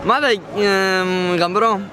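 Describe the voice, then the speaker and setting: A man's voice: high-pitched, moderate pace. A man in his twenties chats casually to camera outdoors at an amusement park, nervous and complaining. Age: 20s. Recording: music and crowd of a park behind.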